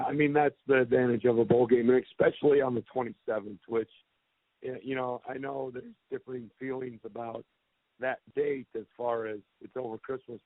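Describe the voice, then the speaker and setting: A football coach answers questions on a press conference call, speaking candidly and plainly with some self-deprecating honesty. His middle-pitched voice comes over a thin, tinny phone line that is completely dry, with no room sound or echo.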